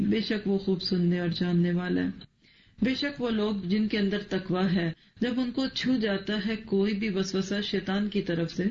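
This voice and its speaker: High, monotone male Quran teacher. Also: highs cut off. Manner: recites verses in Arabic, then explains them slowly. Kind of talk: Quran commentary lecture.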